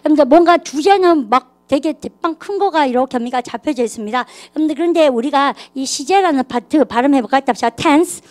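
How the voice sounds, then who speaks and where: A woman teaching an English grammar class, lively and coaxing students to repeat phrases aloud. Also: high-pitched, fast, hardly any pauses. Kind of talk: classroom lecture.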